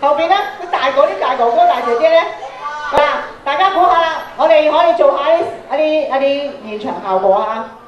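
Speaking through a handheld microphone and PA in a large indoor auditorium, on and before the stage, a middle-aged Hong Kong Cantonese-accented woman leads a student radio drama workshop. Instructive, she prompts with questions and tag particles in a brisk, high voice. The roomy audio is dull, with some background chatter and a little hiss or hum.

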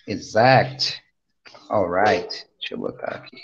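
Gravelly Brazilian man teaching online. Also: low-pitched, huge pitch swings, slow. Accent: Brazilian Portuguese. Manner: patient, encouraging, casual. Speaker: English teacher. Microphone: video call. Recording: dull lo-fi online class audio.

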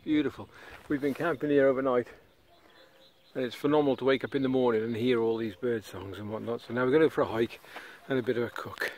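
Middle-aged vlogger, mid-pitched, chatty and keen, narrating a walk in the woods over faint birdsong and open-air ambience. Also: male voice, fairly even intonation, quick pace, a little mellow, slight background noise. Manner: enthusiastic, rambling, points things out on a walk. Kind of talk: casual outdoor narration. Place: forest, outdoors. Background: birdsong and forest ambience.

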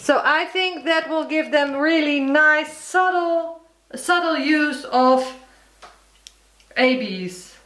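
A woman's voice: high-pitched, slow, a bit bright, reverberant, rough recording. A woman chatting casually to her viewers as she unboxes and shows off a craft kit, describing each item and calling her audience "guys". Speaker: crafting vlogger.

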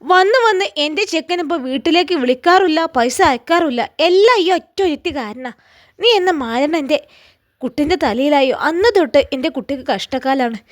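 A woman voicing a stingy, sharp-tongued older mother-in-law, speaking in a Malappuram accent with a mocking, scolding manner. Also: high voice, lively intonation, a little fast. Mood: scornful. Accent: Malappuram Malayalam.

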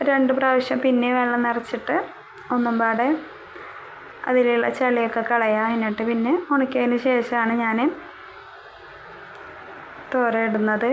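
The recording is low quality, with some hiss or hum, and features a young woman vlogger whose voice is slightly high. Narrating her housework in a relaxed, conversational way, she often tacks a word onto the ends of her sentences.

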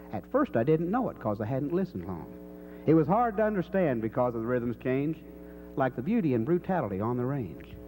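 A man's voice: a little high, dark tone, rough recording. A middle-aged man with a folksy cowboy drawl, reciting cowboy poetry live into a stage microphone. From Kansas. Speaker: cowboy poet. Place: dark indoor stage. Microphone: stage microphone on a stand. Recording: faint noise and hum.

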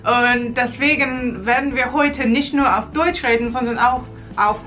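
A woman's voice: on the high side, steady tone, unhurried, a bit bright, faint music behind. A young woman from England with an English accent, chatting playfully as a German learner. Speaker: co-host. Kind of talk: casual chat while learning German. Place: hotel bedroom, indoors.

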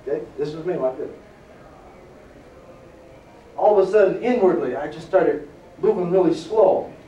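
A middle-aged man gives a motivational fitness seminar to a live audience. He is energetic and keeps checking in with the crowd. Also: a little high, moderate pace, a little hiss or hum. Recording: echoey room, distant mic.

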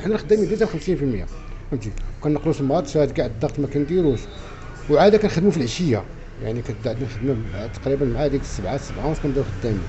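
A man's voice: medium pitch, lively intonation, rapid-fire, mellow. A man in his forties with a Casablanca Moroccan accent, complaining emphatically and repeating himself in a spontaneous interview. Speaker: café owner being interviewed. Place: inside a small café, behind the counter. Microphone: handheld reporter microphone. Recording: muffled sound with faint background noise.

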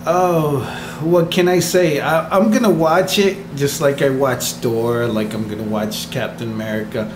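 A man in his thirties chatting casually in a vlog, rambling with lots of fillers, filmed on a phone held at arm's length in a small room. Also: medium pitch. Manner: chatty and rambling, with many fillers and soft chuckles. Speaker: vlogger. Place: small indoor room with hard walls. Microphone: phone camera held at arm's length. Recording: echoey small room, noisy background.

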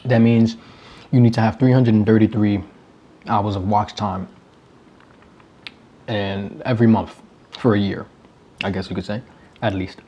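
Young male vlogger, lowish voice, wry casual commentary while eating cereal. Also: steady tone, a little slow, pauses often, husky, highs cut off. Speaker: YouTuber.

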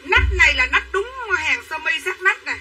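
Her voice is very high and animated, moving at a moderate pace as she sells dresses live online. The clothing seller chats away to her viewers, calling them sisters, captured from some distance with faint room noise.

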